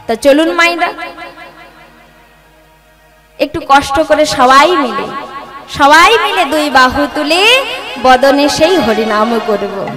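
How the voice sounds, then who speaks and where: A woman's voice: high-pitched, expressive, unhurried, a crowd in the background. A woman with a Bengali accent giving a devotional sermon, coaxing her audience and leading call-and-response chanting. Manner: coaxing the audience, rhythmic sing-song delivery. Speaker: kirtan singer and preacher. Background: live devotional music.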